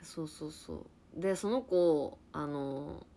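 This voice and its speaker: A young woman in her twenties from Niigata, Japan, hosting a casual livestream chat and answering viewers with quick reactions and frequent laughter. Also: low voice, dark tone, slight background noise. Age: 20s. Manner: chatty, reacts to comments, laughs often. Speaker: livestream host chatting with viewers.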